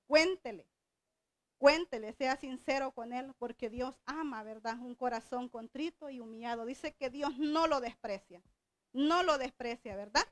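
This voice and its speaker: Woman preacher from El Salvador, middle-aged, high voice, conversational sermon delivery, dry close recording. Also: no echo. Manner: conversational, asks the congregation questions.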